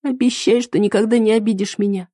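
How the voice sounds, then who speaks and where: A woman voicing a desperate young woman in love, pleading in high, strained, near-shouted lines. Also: fairly even intonation, fairly quick, no echo, clean studio sound, natural voice. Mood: devoted.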